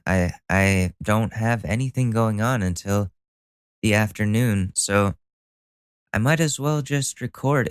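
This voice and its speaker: This young man hosts a podcast on his own, chatting casually through a stuffy nose, rambling, making jokes at his own expense and swearing now and then. His voice is smooth and on the low side, captured in a dry, studio-quality recording.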